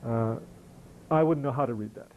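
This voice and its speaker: A man's voice: mid-range voice, moderate pace, phone-quality sound. A middle-aged American man answering audience questions after a lecture, conversational and wry, with frequent restarts. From United States. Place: lecture hall.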